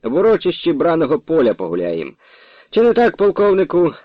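A man's voice: on the high side, wildly swooping pitch, fairly quick, dry recording, voice pushed up. A man voicing an imperious cruel count. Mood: jovial. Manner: imperious, barking orders. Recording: dull dry radio recording.

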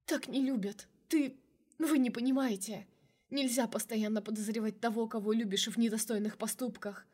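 A woman's voice: on the high side, fairly even intonation, normal speed, warm tone, lightly acted. A woman voicing a hurt young woman in an audiobook, speaking sharply and indignantly through tears. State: tearful.

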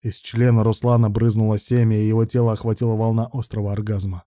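A male audiobook narrator with a low voice and a steady, even delivery. His tone is dark and mellow, recorded dry and close with no room around it. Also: fast, no room sound.

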